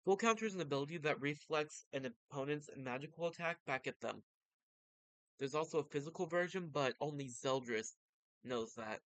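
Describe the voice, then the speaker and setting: A man's voice: mid-range voice, fairly bright tone, dry recording, low-quality recording. A man narrating and commenting on a story in a casual, informal way, like an enthusiastic fan. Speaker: vtuber reading and commenting on manga.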